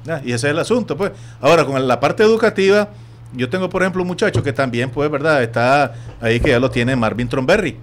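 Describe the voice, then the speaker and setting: A man with a Nicaraguan Spanish accent hosting a sports radio talk show, telling stories in an animated way and acting out other people's voices. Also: on the high side, a little fast, a little hiss or hum. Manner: animated storytelling, acts out quoted voices. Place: radio studio.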